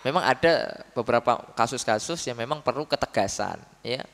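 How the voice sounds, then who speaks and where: A man giving a religious study talk, telling stories with lively acted quotes and often addressing his listeners as "Pak". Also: mid-range voice, normal speed. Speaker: preacher. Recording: long hall reverb.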